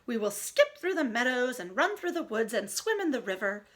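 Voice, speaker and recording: Storybook frog, male, played by a woman: cheerful, eager, very high, swooping, exclamatory delivery. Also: normal speed. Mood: bright coaxing. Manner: excited, exclamatory, coaxing.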